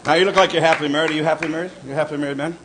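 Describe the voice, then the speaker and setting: Older male stand-up comic, high voice, noisy club. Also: fairly even intonation, racing. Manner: gruff storytelling, puts on high squeaky voices for kids and wife. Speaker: stand-up comedian. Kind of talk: stand-up comedy routine. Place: comedy club stage with audience laughter.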